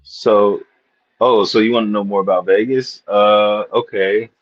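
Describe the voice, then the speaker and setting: A man's voice: on the low side, steady tone, measured pace. A man from Missouri talking in a casual live panel chat, rambling and loose as he tells stories. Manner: rambling storyteller, loose and profane. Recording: dull lo-fi stream audio.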